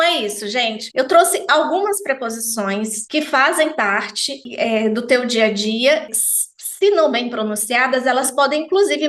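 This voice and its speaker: A woman's voice: a little high, a bit bright, echoey room. A Brazilian woman teaching French pronunciation, patiently repeating each word. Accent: Brazilian Portuguese. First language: Portuguese.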